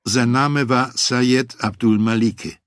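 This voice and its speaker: A man reading a first-person memoir aloud as an audiobook narrator, in a measured, matter-of-fact way. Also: medium pitch, fairly even intonation, dry recording, studio quality.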